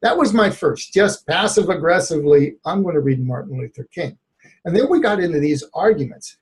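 A male therapist, a guest on an interview show, telling a personal story in an animated way and laughing often. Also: a little high, fairly quick.

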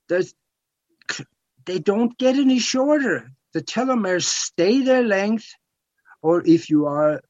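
The dull, lo-fi talk radio audio captures a man in his seventies from Norway, his fairly high voice carrying a Norwegian accent. There's no room sound as he explains things forcefully as a guest.

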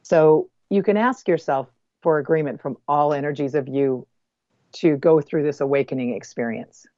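A woman leading a spoken guided meditation as a guest healer, speaking softly and close to the ear in deliberate, measured phrases with pauses. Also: low-pitched, no echo, highs cut off.

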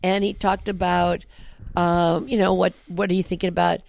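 A woman's voice: fairly low pitch, flat delivery, moderate pace, creaky, darkish tone. A woman co-hosting a casual podcast, agreeing often and retelling stories. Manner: lots of agreeing backchannels, storytelling. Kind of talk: casual chat.

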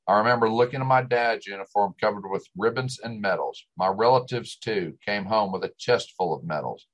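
A man speaks in a fairly low voice with a West Texas twang. He has a drawl and delivers a scripted, first-person monologue in the manner of a storyteller. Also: low-quality recording. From West Texas, United States.

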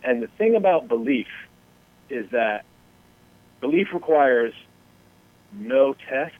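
A man co-hosting a talk show, talking in an emphatic, halting way full of fillers and swearing. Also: mid-range voice, very animated, gravelly, dry recording, phone-quality sound. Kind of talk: casual profane talk show discussion.

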